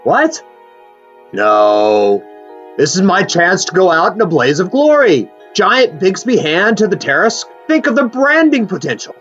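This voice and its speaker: A woman's voice: lowish voice, big pitch swings, a little slow, muffled recording, soft background music, voice pushed up. A woman playing a dramatic, devoted male wizard in an acted fantasy scene, grandiose and grave by turns. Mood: grandiose, pleading. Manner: theatrical, swooping between grandiose and grave.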